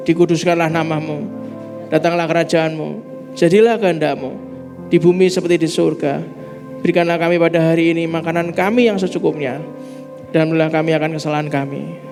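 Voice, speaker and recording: A man leads a church congregation in fervent prayer. His voice sits a little high for a man and pleads earnestly. Instrumental worship music plays clearly behind him. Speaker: worship leader. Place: church service.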